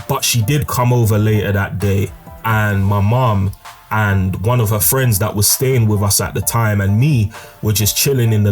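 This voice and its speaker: A young man casually retelling a personal story, full of slang and fillers. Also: medium pitch. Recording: faint music behind. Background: faint background music.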